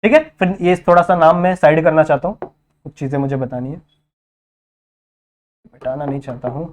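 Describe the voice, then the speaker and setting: A man's voice: fairly high pitch, fairly even intonation, normal speed. Man teaching biology at a whiteboard. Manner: repeats each term as a question to the class; checks in often with "thik hai". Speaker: biology tutor. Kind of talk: whiteboard lecture in Hindi-English mix.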